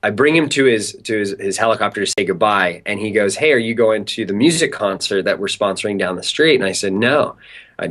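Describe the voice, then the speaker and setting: During an interview, a young Southern Californian guest tells a spirited story, talking fairly quickly in a fairly low voice. He is chatty throughout and leans heavily on fillers.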